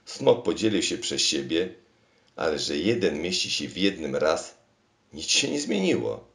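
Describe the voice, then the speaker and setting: A man's voice: a bass voice, big pitch swings, a little slow, darkish tone, pitched above the performer's own voice, full character voice. A man voicing an anxious, easily alarmed king who talks in fretful exclamations. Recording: roomy echo.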